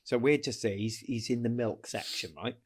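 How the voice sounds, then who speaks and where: Animated British man telling stories. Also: mid-range voice, normal speed. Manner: animated storyteller, acts out voices, laughs often. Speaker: guest athlete. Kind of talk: casual storytelling interview.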